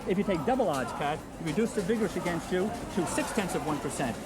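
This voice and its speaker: A man's voice: high voice, animated, fast, very noisy. A man teaching craps odds in an instructional video, patiently drilling the numbers and checking in with "okay?", heard from a worn VHS tape copy. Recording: music underneath, old tape copy.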